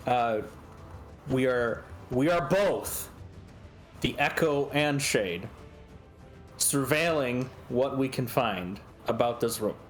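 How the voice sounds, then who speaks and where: A man plays a tabletop game and talks casually through his moves. His phrasing is very slow and halting, yet the pitch is lively, with soft music underneath.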